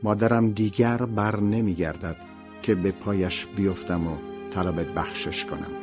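A man's voice: fairly low pitch, level tone, over music. A man narrating a memoir-style audiobook in a somber, reflective, scripted manner.

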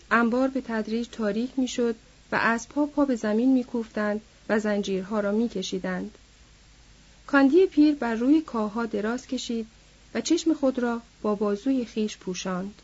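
A woman narrating an audiobook in a steady, even reading voice. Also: a little high. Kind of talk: scripted narration. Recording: dull lo-fi recording.

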